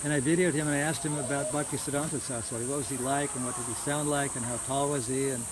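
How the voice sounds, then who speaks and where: At a housewarming gathering, a man delivers an informal religious lecture to a few listeners, full of recollections and repeated words as he tries to remember. He speaks quickly in a steady, mid-range voice, while loud hiss and crickets fill the outdoor-sounding recording.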